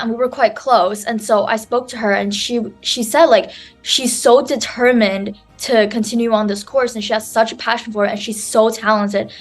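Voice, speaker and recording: A woman student raised in New York presenting her nonprofit at an online conference over a video call, talking in a chatty way full of "um" and "like". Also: fairly high pitch. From New York City, USA.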